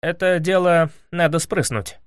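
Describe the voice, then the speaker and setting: A man's voice: on the high side, measured pace, smooth, no room sound, studio quality, lightly acted. A man voicing a jovial, easygoing young male warrior who talks in a chummy, casual way.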